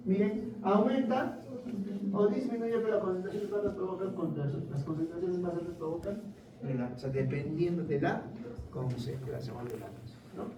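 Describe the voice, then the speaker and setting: A man gives a classroom lecture and keeps putting quick questions to his students. His voice sits a little high but sounds mellow. The room is echoey, the mic is set some way off, and a faint hiss runs underneath. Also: distant mic. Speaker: pharmacology lecturer.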